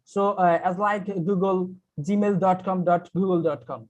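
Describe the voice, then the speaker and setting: Slow halting man with a Bangladeshi accent. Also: high voice, fairly even intonation, muffled recording. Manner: slow, searching for words, many fillers. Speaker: meeting attendee asking a question. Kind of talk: halting, hesitant speech. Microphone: video call.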